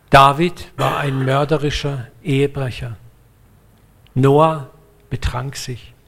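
Gravelly German preacher, lively and blunt. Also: male voice, mid-range voice. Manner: lively, blunt, acts out quoted voices. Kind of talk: sermon.

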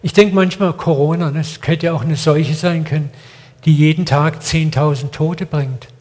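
An older man delivering a sermon in plain, blunt everyday speech, putting rhetorical questions to his congregation. His voice sits a little high for a man. The recording carries a long reverb tail, as from a large hall. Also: steady tone, normal speed, a little mellow. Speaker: preacher.

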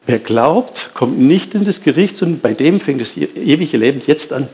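A man preaching a sermon, lively and emphatic, asking rhetorical questions and speaking directly to his listeners. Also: mid-range voice, moderate pace, slight background noise.

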